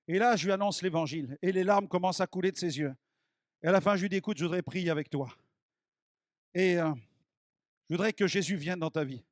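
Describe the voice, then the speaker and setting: A man preaching an evangelistic sermon, telling stories with acted-out dialogue and building to emphatic shouted peaks. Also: high-pitched, no echo, studio quality. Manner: acts out dialogue in his stories.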